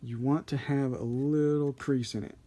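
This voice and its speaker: Male tutorial host, soft-edged mellow tone, mid-range pitch, informal and thinking aloud. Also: fairly even intonation, moderate pace. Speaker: card trick instructor. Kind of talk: casual hands-on tutorial.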